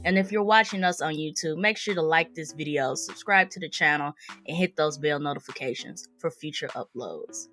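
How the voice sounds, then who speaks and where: Low-pitched woman hosting a casual podcast. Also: moderate pace, hardly any pauses, fairly bright tone, faint music behind. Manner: informal, slangy, conversational. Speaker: podcast host. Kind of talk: casual movie review podcast.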